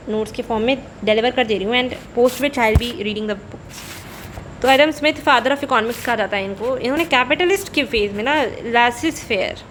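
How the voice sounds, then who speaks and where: A woman's voice: fairly high pitch, fairly bright tone, a little hiss or hum. A woman teacher giving a conversational economics lecture, repeating key points and slipping between Hindi and English.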